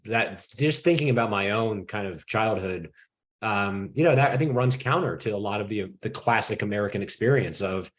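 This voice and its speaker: Guy hosting a book interview, lowish voice, halting and reflective, lots of false starts. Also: fairly bright tone. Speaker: interview host. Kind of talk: conversational interview.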